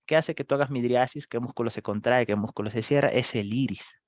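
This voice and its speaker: A man teaching a live online medical class, firing quick questions at students and acting out screaming patients. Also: mid-range voice, darkish tone, no room sound. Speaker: medical lecturer.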